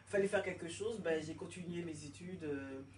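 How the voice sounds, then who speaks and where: A woman in her forties from France talks through her own story in a relaxed interview, animated, slipping into the voices of the people she quotes. She sits well back from the microphone, so her voice carries a roomy echo. A faint hiss runs underneath. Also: on the low side, normal speed. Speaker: interview guest, fashion designer. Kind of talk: casual conversational interview. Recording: roomy echo, distant mic, faint noise.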